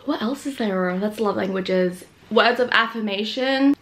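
A young woman talking casually to camera from a small bedroom, relaxed and chatty, with a laugh now and then. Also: mid-range voice, slow pace, noisy background. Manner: chatty, relaxed, laughs between thoughts, many "like" and "literally". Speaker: vlogger. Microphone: camera in front of her face.

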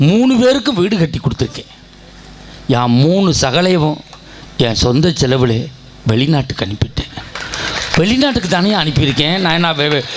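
Man, Kongu Tamil accent, very high voice, comic stage debater, loud punchlines. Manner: storytelling with punchlines, turns loud and shouting at times. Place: stage before a live audience.

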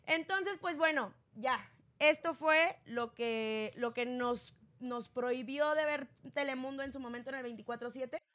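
Speaking at a measured pace in a fairly bright voice, a gossip show host keeps her commentary chatty and casual. When she acts out quotes, she lifts her pitch.

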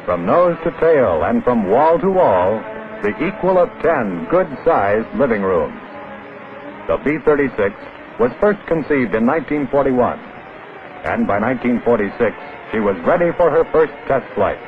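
A man's voice: medium pitch, big pitch swings, normal speed. A man narrating a 1940s newsreel in a dramatic, emphatic announcer style, heard as an old film recording. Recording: tinny lo-fi old film sound with music.

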